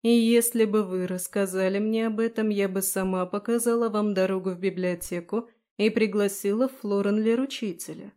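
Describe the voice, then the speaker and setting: A woman voicing a calm, stern house stewardess. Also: medium pitch, close to an everyday voice. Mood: firm. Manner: measured and weary.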